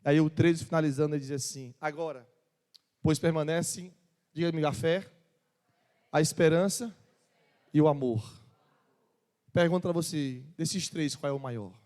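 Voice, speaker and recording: A man's voice: a little high, measured pace, long pauses, darkish tone. A man preaching a sermon as pastor in a church, with impassioned emphasis and questions to the congregation. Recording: long reverb of a church hall.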